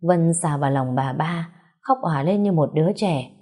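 A woman narrating a family drama story in a measured, emotive way. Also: deep voice, warm tone.

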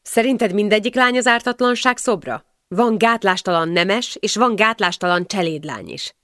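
A woman's voice: medium pitch, a bit bright, dry recording, studio quality, pitched above the performer's own voice, close to an everyday voice. A woman reading the lines of a cocky young nobleman in an audiobook, smug and teasing.

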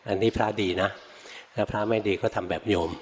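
An older man, a Buddhist monk, giving a relaxed, chatty Dharma talk full of stories and soft particles. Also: on the low side, brisk. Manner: relaxed, conversational teaching with frequent particles and anecdotes. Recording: long hall reverb.

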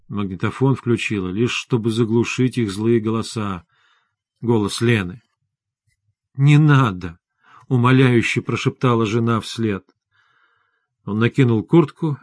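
This is scripted audiobook narration by a medium-pitched man whose reading stays measured and even. The recording is dry, with clean studio sound.

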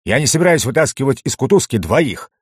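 A man's voice: mid-range voice, sing-song, brisk, slightly rough, no room sound, studio quality, voice pushed up. A man voicing a stern male leader who gives curt orders. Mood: commanding. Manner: curt, commanding.

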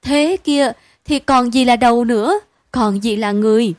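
A woman voicing a fretful, doting mother who pleads and wails loudly, in a storybook reading. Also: a little high, normal speed, dry recording, close to an everyday voice. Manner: wailing, pleading, loud.

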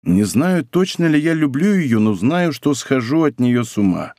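A male narrator voicing a hot-headed young nobleman in a storybook, proud and quick to anger. The voice swings lively in pitch, recorded dry and close. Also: no echo. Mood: proud, wry.

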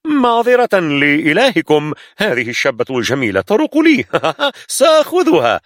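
A flamboyant pirate captain, put on by a male storyteller, talks in a high, swooping voice full of sly giggles and mockery. The sound is dry and close. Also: huge pitch swings, normal speed, fairly bright tone, dry recording. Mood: mocking. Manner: sly, theatrical, giggling, mocking.

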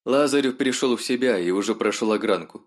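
A man's voice: medium pitch, fairly quick, voice pushed up, lightly acted. A man voicing a sly, mocking noblewoman who talks down to her caller.

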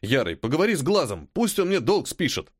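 A man's voice: fairly high pitch, wildly swooping pitch, a little fast, dry recording, clean studio sound. A man voicing a whining, wheedling teenage schoolboy who pesters his classmate, in an audiobook. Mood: whiny. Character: whiny cowardly teenage boy, a pestering schoolmate.

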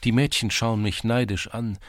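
A man's voice: lowish voice, fairly even intonation, normal speed, no room sound, studio quality, pitched above the performer's own voice, natural voice. A man voicing a shy, tender village girl. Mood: wistful. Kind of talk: audiobook character reading.

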